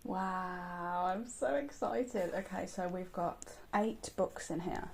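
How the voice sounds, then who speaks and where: Excitable woman recorded on a phone voice recorder. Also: lowish voice, takes it slowly, gravelly, background noise. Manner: excitable, gushing. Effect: recorded on a phone voice recorder app. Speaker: book vlogger. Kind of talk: casual unboxing chat. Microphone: phone voice recorder used as microphone.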